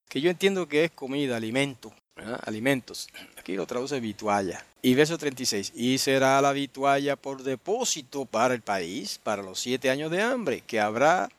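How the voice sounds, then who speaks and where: A man teaching an online Bible study at a middle pitch. He reads each verse aloud and then explains it, thinking aloud as he goes. He keeps checking in with his listeners along the way. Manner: thinks aloud with restarts and asides. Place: online group meeting.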